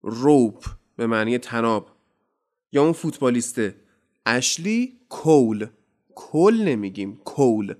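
A man teaching English in a casual podcast lesson. He explains in a friendly, chatty way and says each example sentence slowly and deliberately. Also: mid-range voice, lively intonation.

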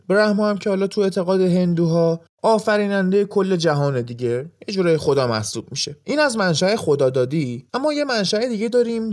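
A man with a somewhat high voice hosts an educational podcast. He reads from a script with lively energy and acts out the sound words he explains. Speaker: podcast host.

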